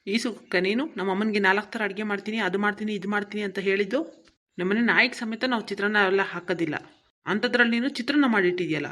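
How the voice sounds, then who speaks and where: A woman's voice: medium pitch, fast talker, a bit bright, close to an everyday voice. A woman voicing an impatient young husband in a cartoon, scolding his wife. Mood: angry. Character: angry young husband, the son. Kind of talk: cartoon voice acting.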